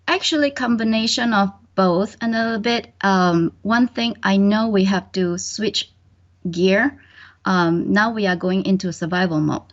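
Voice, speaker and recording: This guest, a bookkeeper, speaks with a creaky voice at medium pitch. Born in Indonesia and raised in Malaysia, the middle-aged woman hesitates through her interview answers with plenty of ums, all captured on dull, lo-fi audio.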